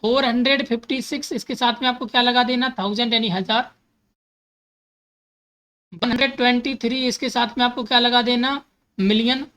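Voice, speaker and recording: A woman talks through a math lesson with a bright, fairly high voice. She repeats each step, poses questions and answers them herself, and slips number words into her speech. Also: steady tone, moderate pace, pauses often, rough recording. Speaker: math teacher.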